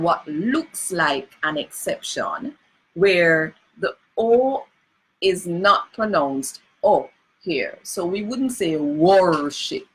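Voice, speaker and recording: A woman's voice: lowish voice, pushed and bright, breathy edge, poor audio. A woman with a Jamaican accent presenting a lesson on reading Jamaican spelling, patiently drawing out example sounds and checking in with her listeners. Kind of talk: spoken lesson on pronunciation.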